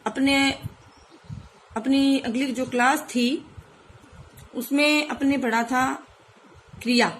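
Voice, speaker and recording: High-voiced woman teacher explaining patiently. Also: fairly even intonation, slow, pauses often, a little hiss or hum, poor audio. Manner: patient explaining, frequent checks "है ना?". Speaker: school teacher. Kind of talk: recorded online class lesson.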